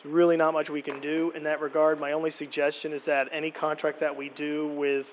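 A man's voice: on the high side, level tone, fairly quick, lo-fi sound, slight background noise. Middle-aged man presenting at a council meeting. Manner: plain explanatory, many ums and restarts. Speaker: borough official presenting to council. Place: council meeting room, indoors. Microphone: podium microphone.

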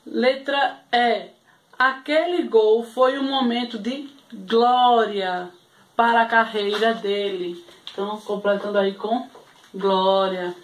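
A woman's voice: on the high side, steady tone, slow. A woman teacher with a Brazilian Portuguese accent giving a televised class to young pupils, patient and repetitive, often checking in with the class. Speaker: primary school teacher.

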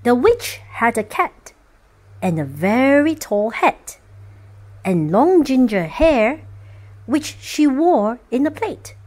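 A woman storyteller reads a rhyming children's picture book aloud in an expressive, sing-song voice. Her voice sits high and moves freely up and down. She reads slowly, leaning into every rhyme.

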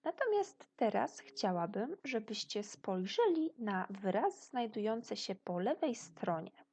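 Slow, patient woman teacher with a gravelly voice. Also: medium pitch, very animated, a little mellow. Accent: Polish. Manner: praises pupils' imagined answers. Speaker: primary school teacher. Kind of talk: recorded video lesson for children.

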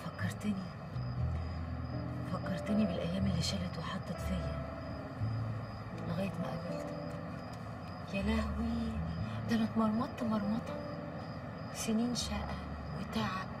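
A woman's voice: medium pitch, fairly even intonation, normal speed, long pauses, close to an everyday voice. An actress playing a doting, emotional Egyptian woman in a TV drama. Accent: Egyptian Arabic. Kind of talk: TV drama acting. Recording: distant mic, heavy background noise.

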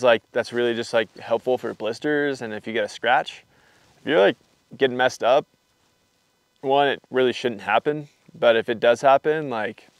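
On a camera mic with no room sound, a young man casually shows his hiking gear on camera as a hiking vlogger. He rambles, stays loose and relaxed, and uses plenty of fillers, his medium-pitched voice clean in tone.

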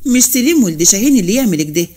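A woman's voice: medium pitch, sing-song, rapid-fire, dark tone, breathy edge. A woman reading as a stern, proud Upper Egyptian husband. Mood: commanding. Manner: commanding, curt.

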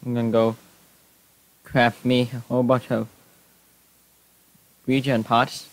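Young guy narrating his game, mid-pitched voice, gets jumpy and yells when stuff attacks him. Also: slow, no echo. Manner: excitable, yelps and shouts when startled. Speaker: Minecraft YouTuber. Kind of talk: casual gameplay commentary.

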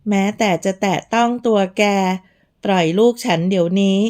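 A proud young mother from a storybook audio reading, voiced by a woman narrator, fiercely protective of her child. Her speech is sharp, clipped and defiant. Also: medium pitch, a little slow, natural voice. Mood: angry.

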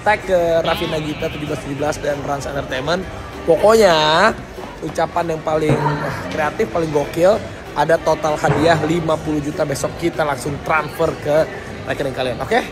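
A man's voice: a little high, steady tone, moderate pace, over a noisy crowd. A man hosting a vlog, announcing a giveaway in a casual, upbeat way and urging viewers to join in. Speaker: vlog host. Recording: loud music underneath.

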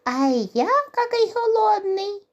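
A woman's voice: sing-song, measured pace, warm tone, muffled recording, full character voice. A woman voicing two lazy, playful little mice in a children's storybook tale. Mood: greedy. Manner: squeaky very high.

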